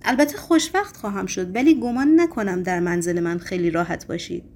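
A woman's voice: medium pitch, a little mellow, natural voice. A woman voicing a nervous male editor who humors a madman, stammering and placating, in a storybook reading.

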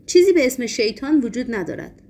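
A woman's voice: sits high, animated, a little mellow. A woman doing a blunt, irritable young poet. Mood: exasperated. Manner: blunt, exasperated.

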